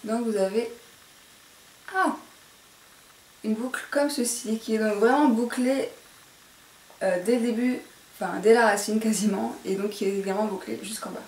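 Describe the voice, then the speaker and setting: A woman with a slightly high voice and a posh French accent demonstrates a hair tutorial. She hesitates often, pads her phrases with fillers and keeps correcting her own words. The camera picks her up from some distance in a roomy, echoing space. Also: normal speed, pauses often, a little mellow. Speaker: beauty vlogger. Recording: echoey room, mic at a distance.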